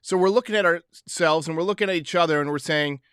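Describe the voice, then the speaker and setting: A man with a fairly high, sharp-edged voice delivers casual sports commentary as a podcast host. He is emphatic and opinionated, and the sound is dry. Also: fast, clear, resonant tone, no echo.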